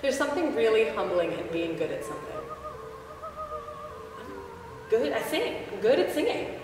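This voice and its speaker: Filmed from afar in an echoey church, this Boston woman in her thirties, an opera singer, gives a reflective interview about her work that is candid, thoughtful and self-deprecating. Her fairly high voice swoops wildly in pitch at a normal pace, with music playing behind her.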